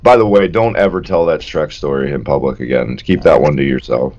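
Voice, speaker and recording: Deep-voiced teasing male guest. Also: brisk, a little mellow, dull audio. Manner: teasing, joking banter. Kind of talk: casual podcast chat.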